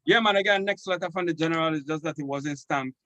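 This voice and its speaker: Higher-pitched man in Rasta speech. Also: fast talker, fairly bright tone, no echo, muffled recording. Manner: devotional Rasta phrasing, addressing listener as "my lord". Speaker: interview guest. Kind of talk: conversational storytelling and letter reading in Rastafarian speech.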